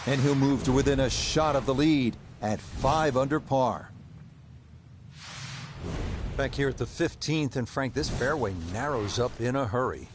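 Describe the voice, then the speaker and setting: A man's voice: medium pitch, a little slow. A man anchoring live golf commentary as the play-by-play commentator. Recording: crowd and outdoor noise behind. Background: golf crowd and outdoor ambience.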